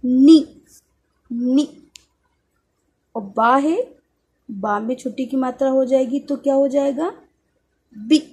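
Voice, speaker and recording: A woman with a slightly raised, husky voice teaching a class of young children. She goes slowly, saying each syllable again and again so the children can repeat it after her. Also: high voice, steady tone, a little mellow.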